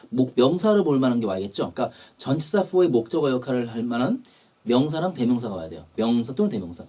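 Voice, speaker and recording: A man's voice: medium pitch, darkish tone, breathy edge. A man teaching an English test prep lecture, explaining grammar and repeating key terms.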